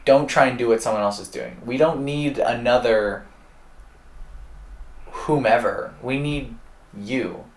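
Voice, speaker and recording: A young man, a recent high school graduate, chatting as a podcast guest in a joking, sarcastic way. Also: a little slow, pauses often. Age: young adult. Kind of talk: casual chat. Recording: echoey room.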